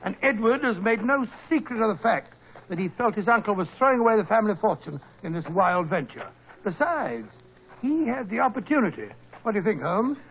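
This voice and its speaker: An actor in a 1940s radio drama playing an earnest, excitable doctor sidekick, blustering and easily puzzled. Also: male voice, sits high, brisk, creaky, heavily acted. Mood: earnest, insistent. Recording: faintly noisy 1940s radio recording.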